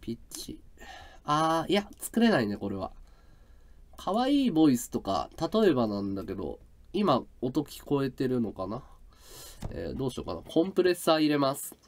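A male live streamer in casual chat, with a high, carrying voice, explaining his audio setup. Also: very animated, moderate pace. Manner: chatty, explains his audio gear and voice tricks. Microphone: desk mic through an audio interface and mixer.

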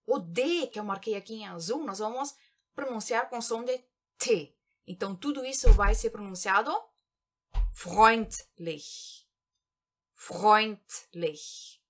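A woman giving a vocabulary lesson in a clear, patient teaching voice. She explains each word step by step. She says the example phrases again and again, slowly and with care. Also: mid-range voice, bright, forceful tone. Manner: slow, careful repetition of example phrases. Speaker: German teacher.

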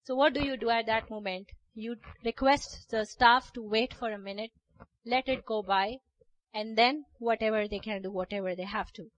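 A woman's voice: on the high side, moderate pace, no room sound. A woman doula and childbirth educator giving a workshop lecture, explaining step by step and often checking in with "okay?". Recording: dull lo-fi recording.

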